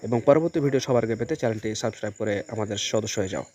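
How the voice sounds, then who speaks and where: A man teaching a textbook lesson online in a brisk, encouraging way, often repeating the same filler words. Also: on the low side, a little mellow. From Bangladesh.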